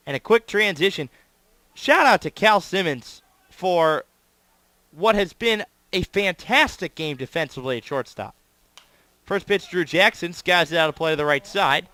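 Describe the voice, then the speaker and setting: A man's voice: high voice, expressive, normal speed, sharp tone, dry recording. A man doing live baseball play-by-play commentary as the announcer, in clipped phrases, stretching words on big plays.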